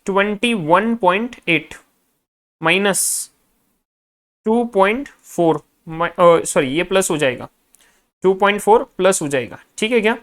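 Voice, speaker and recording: A man's voice: high voice, animated, a little slow, pauses often, a bit bright. A male finance lecturer in a recorded class, adding up figures aloud half to himself and coaching students directly.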